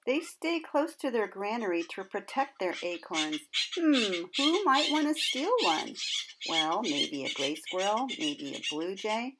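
A middle-aged woman, a nature educator and presenter, narrates an educational piece for young children in a medium-pitched voice, explaining things simply and clearly at a measured pace. Her pitch swings widely, and she sometimes asks her young listeners questions. The background is noisy.

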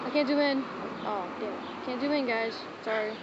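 A man's voice: very high-pitched, normal speed. A young man vlogging outdoors, rambling and defensive in casual chat. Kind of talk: casual vlog chat while walking. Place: outdoors on a city street. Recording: muffled phone recording with traffic noise.

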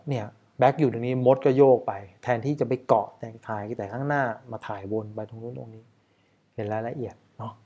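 Man, wedding photographer, casual commentary, chatty, rhetorical questions, medium pitch. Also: a little mellow.

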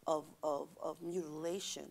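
Older woman guest, gravelly and a bit low, animated studio storyteller on a lapel mic. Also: moderate pace. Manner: emphatic, animated storytelling with hand gestures. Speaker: guest speaker, professor. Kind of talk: church ministry interview. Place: church TV studio set, seated on stage.

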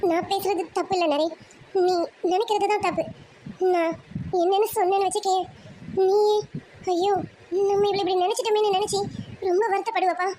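A woman's voice: extremely high pitch, steady tone, fairly quick, long pauses, dark tone, a little hiss or hum. A woman voicing a loving but secretive middle-aged mother in a cartoon, lamenting and pleading. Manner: pleading, lamenting, sighing "aiyo". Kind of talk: cartoon voice acting.

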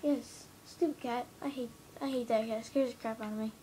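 A woman with a slightly high, flat voice chats her way through a game walkthrough, hesitant and full of fillers. She talks from a room at home into a handheld camera pointed at the TV. A faint hiss sits under her voice. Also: a little fast. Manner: rambling, hesitant, many fillers. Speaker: gamer giving a tour of a game build. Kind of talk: casual gameplay walkthrough. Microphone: handheld camera filming the TV screen.

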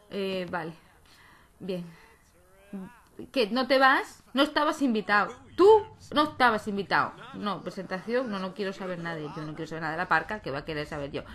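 A woman's voice: fairly high pitch, a bit bright. Chatty woman commenting a game. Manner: chatty, exclaiming and scolding the game. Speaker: gaming YouTuber.

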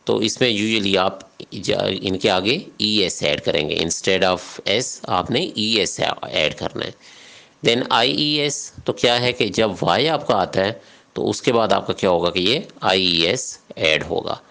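A male English teacher gives a patient grammar lecture, working through the rules step by step. His voice sits low and carries a gravelly fry. He slips English terms into his Urdu as he explains. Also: slow, pushed and bright.

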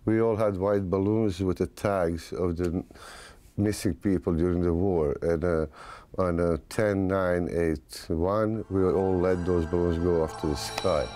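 A man in his forties with a Bosnian accent, speaking haltingly and reflectively in an interview. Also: deep voice, fairly even intonation, dark tone. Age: 40s. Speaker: filmmaker, interviewee. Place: small home studio room.

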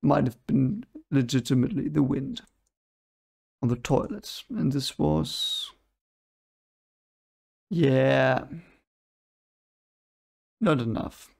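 A man's voice: mid-range voice, animated, slow pace, creaky, long pauses, darkish tone, breathy edge. A young man hosting a reaction video, talking casually at a desk mic and brushing off the clips as fake, now and then hunting for a word. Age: young adult. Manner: skeptical, dismissive, searches for words. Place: home room at a desk. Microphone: desk microphone in front of him.

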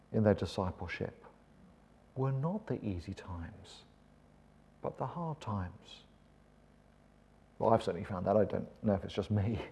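A middle-aged man preaching a sermon in a kindly, gentle vicar's manner, often putting questions to his listeners. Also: mid-range voice, husky. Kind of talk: sermon to a seated congregation. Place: church auditorium with stage.

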